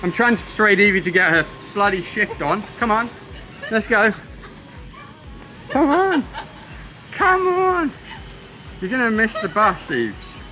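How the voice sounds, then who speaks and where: Teasing man, bright voice. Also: sits high, very animated, measured pace, long pauses, faint music behind. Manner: chatty, teasing, upbeat. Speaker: travel vlogger. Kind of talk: casual vlog narration. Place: outdoors and in a cable car.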